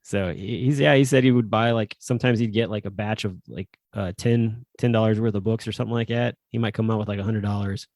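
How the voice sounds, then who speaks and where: Gravelly-voiced casual podcast dad. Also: male voice, on the low side, steady tone, quick pace, few pauses, darkish tone, dry recording, studio quality. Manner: rambling storyteller, many fillers and restarts. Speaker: podcast co-host. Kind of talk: casual chat.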